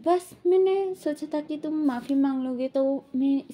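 A woman quoting a defiant young man in her own high voice, mocking and coolly threatening. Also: normal speed, warm tone, natural voice. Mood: cool defiance. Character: defiant young man, calm but cutting.

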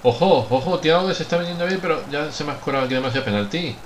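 Young man commentating his own football game, higher voice, faint noise behind, quiet muttering that bursts into shouts. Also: rapid-fire. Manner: swings from muttering to shouting at goals. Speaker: gaming youtuber. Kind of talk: excited let's-play commentary.

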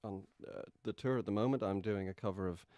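A man's voice: fairly low pitch, quick pace, mellow, no echo. A man being interviewed as a musician guest on a radio show, chatting in a wry, self-deprecating way from a radio studio.

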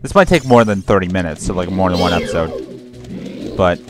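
A man's voice: low-pitched, animated, brisk, music in the background. A man giving casual gameplay commentary, swearing often and rambling in a self-mocking way. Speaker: let's play host.

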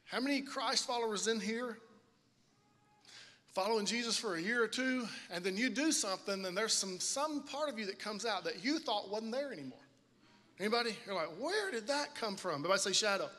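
A man's voice: sits high, animated, a little fast, sharp tone. A man in his thirties, a pastor preaching on stage into a handheld microphone in a large church auditorium, casual and joking, calling out to the congregation. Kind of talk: sermon. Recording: long hall reverb of a large auditorium.

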